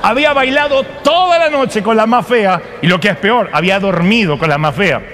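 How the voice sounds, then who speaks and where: A male preacher retelling a story with comic timing and playful asides to his listeners. His voice sits high for a man. A long hall reverb trails each phrase of the live sermon. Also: normal speed, a bit bright, slight background noise.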